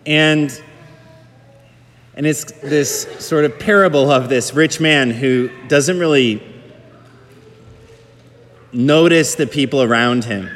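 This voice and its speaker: A priest giving a homily at Mass, reflective and conversational, with hedging fillers. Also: male voice, medium pitch, a bit bright, slight background noise. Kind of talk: Gospel reading and homily at Mass. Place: church. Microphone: microphone that cut out. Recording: long church reverb.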